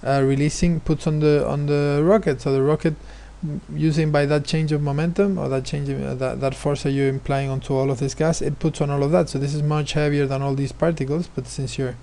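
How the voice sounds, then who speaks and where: A man's voice: a little high, flat delivery, brisk, creaky, hardly any pauses, warm tone. A male teacher explaining physics exam questions, hesitant, with many fillers and restarts. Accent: non-American, his remark says so.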